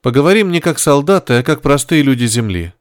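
A man's voice: mid-range voice, expressive, clean tone, no echo, studio quality, close to an everyday voice. Man voicing a stern female spaceship commander. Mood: commanding. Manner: commanding, measured.

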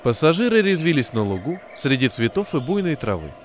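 A man narrating an adventure novel with expressive, varied intonation. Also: on the high side, fairly quick, a little hiss or hum. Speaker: audiobook narrator. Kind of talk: scripted narration. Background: soft music.

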